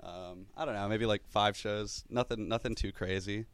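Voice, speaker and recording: A man from North Carolina talks about his band's plans as a guest. His voice is low and smooth. He speaks in an easygoing, hesitant way, with plenty of fillers. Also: steady tone, moderate pace. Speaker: band member guest. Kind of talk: casual chat.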